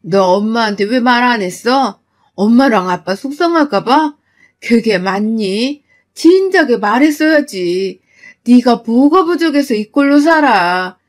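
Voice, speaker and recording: Woman doing a protective mother, loud, forceful, scolding, somewhat high voice. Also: measured pace, close to an everyday voice. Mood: angry. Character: fierce protective middle-aged mother, woman.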